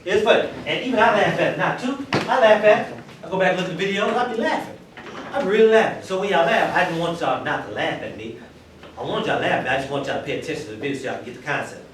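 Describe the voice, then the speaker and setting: A male teacher with a Southern US accent talks to a class in a conversational storytelling way. He sounds distant in a very echoey room with clear background noise. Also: high voice, fast, a bit bright. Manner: conversational storytelling, checks in with listeners. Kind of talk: informal classroom talk. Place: indoor classroom.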